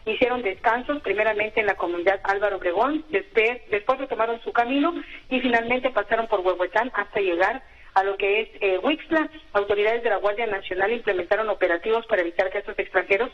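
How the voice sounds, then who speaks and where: A female reporter delivers an informative news report from the field at a steady pace. Now and then she slips in a filler word. Her voice comes through a dull, muffled phone line. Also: mid-range voice, fast talker.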